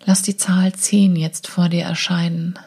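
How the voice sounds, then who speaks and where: A woman guiding a hypnotic meditation in a slow, soothing hypnotist voice, breathy and often falling near a whisper, with long pauses. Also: fairly low pitch, level tone, dark tone. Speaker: meditation guide and show host.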